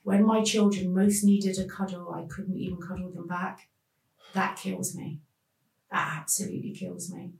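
A woman tells a painful personal story as a podcast guest, speaking haltingly with many pauses. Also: on the low side, flat delivery, vocal fry, a little mellow, recorded from a distance. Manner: slow, halting, emotional retelling with many pauses. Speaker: podcast guest telling her life story. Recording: roomy sound, voice off the mic.

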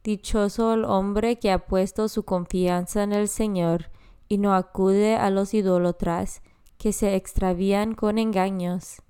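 A woman reading the daily Bible readings and devotion in a measured, reverent manner for a prayer podcast. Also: mid-range voice, fairly even intonation, warm tone, clean tone. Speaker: podcast scripture reader.

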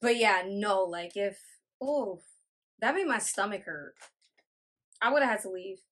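A woman's voice: medium pitch, lively intonation, a little slow, a bit bright. A young woman with a mid-range voice co-hosts a casual podcast. She speaks emphatically and leans on fillers as she talks. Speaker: podcast co-host. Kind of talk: casual chat.

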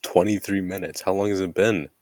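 A young man with a deep voice co-hosting a casual podcast, teasing with deadpan asides. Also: fairly quick, no echo, studio quality. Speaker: podcast co-host.

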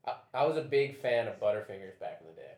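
A young man moderating a casual roundtable chat, relaxed and rambling, often trailing off and restarting. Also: lowish voice, quick pace. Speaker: discussion moderator. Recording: roomy echo.

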